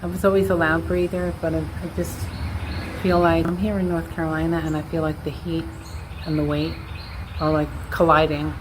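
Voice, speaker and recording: A woman's voice: sits low, level tone, normal speed, noisy background. A woman, talking in a candid, rambling, self-deprecating way in a casual personal vlog. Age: 60s. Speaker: vlogger.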